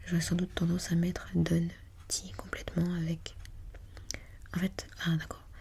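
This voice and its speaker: A woman whispering breathily as in a library, reading aloud for ASMR in a hushed, unhurried, musing way. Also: lowish voice, monotone, creaky, husky. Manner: hushed, unhurried, murmuring to self while reading. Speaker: ASMR host.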